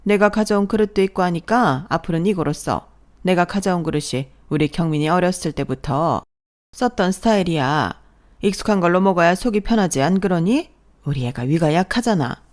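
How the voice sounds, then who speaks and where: A woman's voice: lowish voice, lively intonation, fairly quick, a little mellow, close to an everyday voice. A woman voicing a sarcastic, nagging older mother-in-law in a spoken drama story, scolding and sniping.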